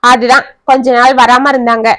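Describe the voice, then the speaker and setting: A woman voicing a sharp-tongued young wife. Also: fairly high pitch, little pitch movement, moderate pace, natural voice. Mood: scornful. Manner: curt, dismissive, scornful.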